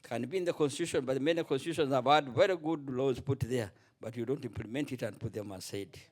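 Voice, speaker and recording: A middle-aged man giving a spontaneous remark at a conference panel, halting and restarting often. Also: medium pitch. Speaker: panel contributor, former legislator.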